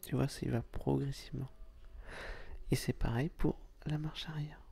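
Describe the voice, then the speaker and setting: A young man with a regional French accent in a whispered role-play as a boyfriend, gently teasing and patiently coaching his girlfriend through a game. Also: medium pitch, fairly even intonation, moderate pace, vocal fry, husky.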